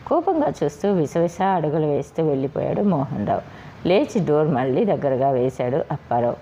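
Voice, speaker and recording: A woman narrating a story in a steady, expressive storytelling manner. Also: sits low, a little fast, a little hiss or hum.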